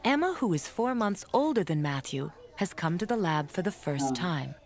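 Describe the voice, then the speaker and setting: A woman reading scripted documentary narration in a measured, explanatory way. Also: fairly low pitch, very animated, darkish tone.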